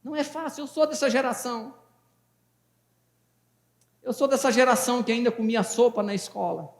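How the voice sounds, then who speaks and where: Man, 50s, pastor, fervent folksy sermon, very high voice, echoey church hall with long reverb. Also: moderate pace. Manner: fervent, folksy preaching with jokes to the congregation.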